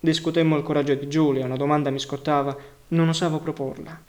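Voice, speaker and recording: Male audiobook narrator, higher-pitched, even literary reading. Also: fast talker. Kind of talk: novel reading.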